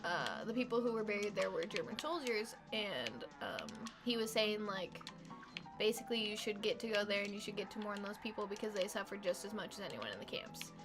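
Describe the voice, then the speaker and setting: A woman's voice: medium pitch, lively intonation, fairly quick, over music. A young woman chatting casually while playing a video game, giggling and swearing freely. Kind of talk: casual gameplay chat.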